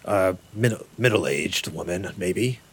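A man's voice: low voice, slow, slight background noise. A man playing a tabletop game, casual and hesitant, with many ums and uhs. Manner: casual, hesitant, full of fillers. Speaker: player.

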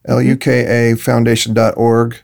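A man's voice: mid-range voice, completely flat delivery, moderate pace, creaky, darkish tone. A man hosting a casual interview, responding briefly and encouragingly. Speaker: host.

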